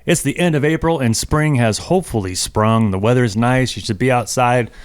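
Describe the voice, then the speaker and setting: A man's voice: medium pitch, normal speed, clear, resonant tone, dry recording. A man co-hosting a comedy podcast, giving a casual intro and then trading goofy, playful banter. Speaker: podcast co-host.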